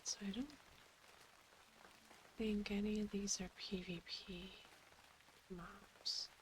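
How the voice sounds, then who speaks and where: Slow, soft-spoken ASMR woman, half whispering. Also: mid-range voice, level tone, slight background noise, rough recording. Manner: slips between soft speech and unvoiced whispers; meandering, thinking aloud. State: tired, yawning. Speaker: ASMR gaming creator. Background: faint rain ambience.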